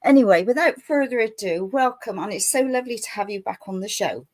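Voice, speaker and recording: A woman's voice: mid-range voice, lively intonation, brisk. Chatty woman hosting. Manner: chatty, rambling, laughs often. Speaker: show host. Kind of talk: casual interview chat.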